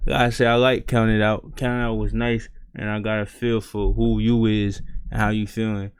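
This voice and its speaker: Blunt low-voiced man giving music feedback. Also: flat delivery, moderate pace, smooth. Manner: blunt, straightforward, repeats "you know what I'm saying". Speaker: music reviewer, streamer. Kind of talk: casual spoken music critique.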